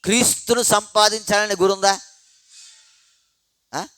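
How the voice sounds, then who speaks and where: A man preaching at a church prayer meeting, asking rhetorical questions and answering them himself, swinging between loud emphatic phrases and quiet low asides. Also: little pitch movement, measured pace, no room sound, faint music behind. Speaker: pastor. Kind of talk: sermon. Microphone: handheld microphone.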